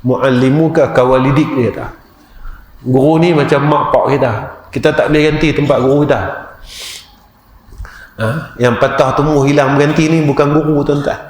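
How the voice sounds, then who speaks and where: A man's voice: on the high side, steady tone, moderate pace. A male preacher with a Kedah Malay accent, giving a storytelling mosque lecture and often addressing the audience directly. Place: mosque hall. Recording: echoey mosque hall, faint ambience.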